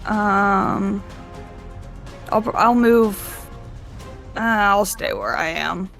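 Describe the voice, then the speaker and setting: A tabletop game player with a hoarse, worn-out voice, talking casually and hesitantly. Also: mid-range voice, very slow, a bit bright, soft background music. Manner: hesitant, unsure, asking how things work.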